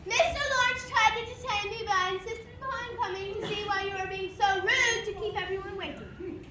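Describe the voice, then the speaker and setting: Shrill, haughty old aunt played by a woman, echoey stage. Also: fairly even intonation, fairly quick, pushed and bright. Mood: imperious. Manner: imperious, scolding. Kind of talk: amateur stage play acting. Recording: distant, echoey room, faint noise.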